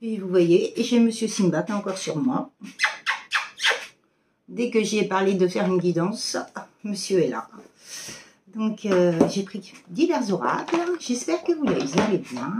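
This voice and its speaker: A woman's voice: medium pitch, lively intonation, unhurried, pauses often, background noise. A woman giving a casual oracle card reading to her viewers, chatty and affectionate, with many fillers.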